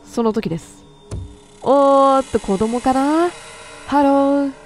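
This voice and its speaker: A woman's voice: sits high, slow pace, soft background music. A woman playing a horror game and reading its stories aloud, chatty, quipping at herself and stumbling over words as she goes. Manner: chatty, talks to herself and quips at the text; frequent self-corrections and stumbles while reading. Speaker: game streamer.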